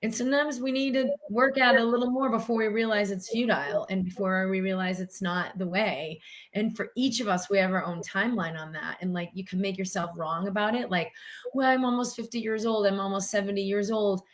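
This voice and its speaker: A woman's voice: mid-range voice, a little fast. Earnest middle-aged American woman. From United States. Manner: earnest, animated, many "like" fillers. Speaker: doctor and guest. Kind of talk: conversational interview.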